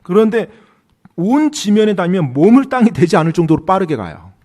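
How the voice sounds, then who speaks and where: Man, sermon interpreter, animated delivery, questions aimed at the congregation. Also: sits high, brisk. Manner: lively, rising questions to the congregation.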